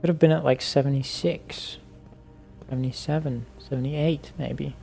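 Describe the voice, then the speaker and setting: A man's voice: medium pitch, steady tone, moderate pace, vocal fry, warm tone, soft background music. A man giving casual let's-play commentary, thinking aloud with many fillers and restarts. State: hiccuping. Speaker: gaming YouTuber.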